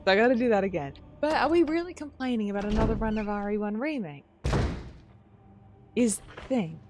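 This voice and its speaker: A woman's voice: medium pitch, animated, darkish tone, a little hiss or hum. A woman game streamer chatting casually with her viewers while playing, a little sleepy. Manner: chatty, talks to viewers, drawn-out greetings. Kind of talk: casual live-stream commentary while gaming.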